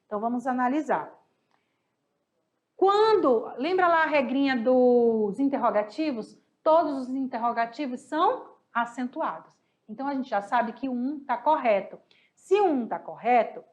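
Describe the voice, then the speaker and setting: A Brazilian woman teaching a class, a little hoarse, patiently asking questions and answering them herself. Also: fairly high pitch, highs cut off. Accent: Brazilian Portuguese. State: slightly hoarse, coughing. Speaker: Spanish teacher. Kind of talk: online class explaining exercises.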